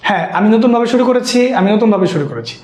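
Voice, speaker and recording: Fast, high-voiced teacher, echoey. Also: male voice, animated. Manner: repetitive, questioning students constantly. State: sweaty and worn out. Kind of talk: live online exam-prep class.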